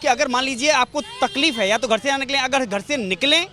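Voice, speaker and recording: A male reporter with a fairly high voice talks quickly as he questions people on a street. He probes, restating the other side's point and rewording his questions to draw out an answer. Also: bright, forceful tone. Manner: probing, rephrases and repeats questions.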